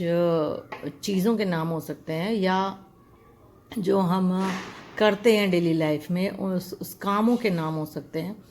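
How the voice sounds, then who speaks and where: A woman's voice: fairly low pitch, a little mellow. A woman teaching an English lesson, spelling words out letter by letter and drawing out each sound. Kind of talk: classroom-style language lesson.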